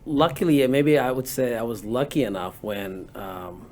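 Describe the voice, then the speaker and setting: A man from Bangladesh in his forties, answering interview questions in a relaxed, rambling way with many fillers. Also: mid-range voice, moderate pace. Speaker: guest entrepreneur.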